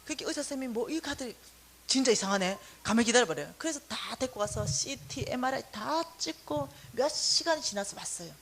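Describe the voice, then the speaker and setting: A woman minister giving a testimony sermon, telling her story with animated storytelling and acting out the dialogue. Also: on the high side, a little fast, a little hiss or hum.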